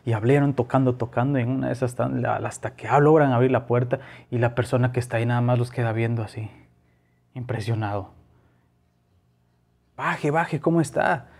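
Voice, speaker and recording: A man's voice: mid-range voice, level tone, fast talker, gravelly, a little mellow. A man preaching a sermon in a conversational way, telling a personal anecdote with frequent fillers.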